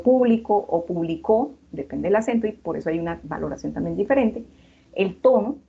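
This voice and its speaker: A woman's voice: medium pitch, warm tone, breathy edge, highs cut off. A woman from Colombia with a Santander accent, a university lecturer giving an online class and explaining with rhetorical questions. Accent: Santander Colombian Spanish.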